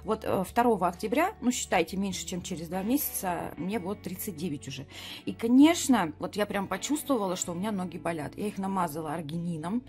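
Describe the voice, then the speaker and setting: A woman's voice: lowish voice, animated, a little fast, a little mellow, faint music behind. A woman in her late thirties chatting enthusiastically as she reviews herbal teas at a table, filmed from above. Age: 30s. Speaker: product reviewer. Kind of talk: casual product review. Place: bright room at a table.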